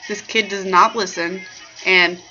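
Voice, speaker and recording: A woman's voice: mid-range voice, fairly even intonation, measured pace, sharp tone. A young adult woman hosting a casual livestream chat show, rambling playfully and greeting viewers in the chat. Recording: dull lo-fi stream audio with faint background music.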